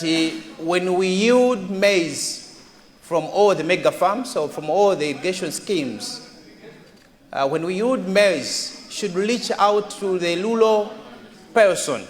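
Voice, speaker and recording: A man with a Malawian accent formally and deliberately putting a question as a member of parliament. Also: a little high. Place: large indoor parliamentary chamber. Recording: echoing chamber hall.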